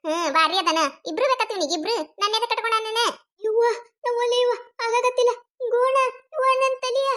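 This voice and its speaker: Woman voicing a shrill, quarrelsome village wife. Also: fairly even intonation, a little fast, fairly bright tone. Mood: scolding. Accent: North Karnataka Kannada. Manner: shrill scolding, wailing and mocking. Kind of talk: cartoon comedy voice acting.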